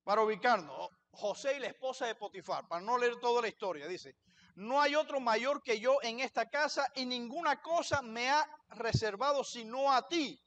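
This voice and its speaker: Male pastor, very high voice, preaching a sermon in church, asks questions and answers them himself. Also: normal speed, a bit bright.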